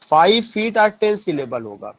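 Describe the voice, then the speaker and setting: High-voiced teacher quizzing his class. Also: sing-song, moderate pace, a bit bright, rough recording. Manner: quizzes students, repeats key points, mixes Hindi and English. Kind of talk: classroom lecture. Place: classroom with students.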